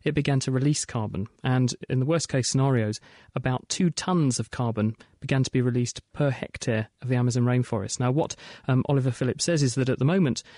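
A British man hosting a science radio show, presenting scripted material in a bright, curious, explanatory way. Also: medium pitch, fairly quick, no room sound, clean studio sound.

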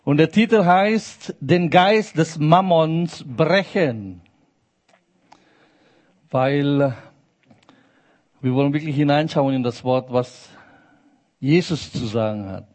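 Man, preacher, sermon, high voice, unhurried, emphatic delivery. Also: a little mellow. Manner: slow, emphatic, with frequent checking questions to the audience.

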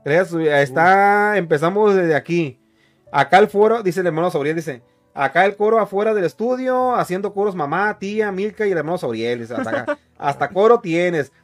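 Guy w hosting church stream, high voice, laughing thru viewer comments, faint music under. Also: normal speed, echoey room. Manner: laughing, excitable, reads comments aloud. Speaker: host of a church online program. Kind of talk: casual chat, reading live comments.

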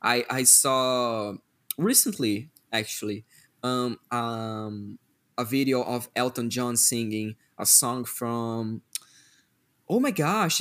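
A man's voice: mid-range voice, fairly bright tone. A man co-hosting a podcast, chatting casually and thoughtfully. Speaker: podcast co-host. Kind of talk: casual chat.

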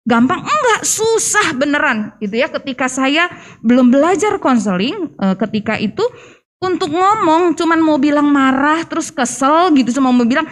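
A woman's voice: high voice, brisk. A woman counselor and co-host, telling personal stories in casual talk, acting out dialogue. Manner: animated storytelling, acts out quoted dialogue. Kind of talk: casual talk-show sharing.

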